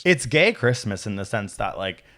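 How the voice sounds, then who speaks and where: Animated male podcast co-host, lively pitch, playful casual delivery. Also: moderate pace. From Canada. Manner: animated, laughing, breaks into sung lines. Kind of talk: casual chat.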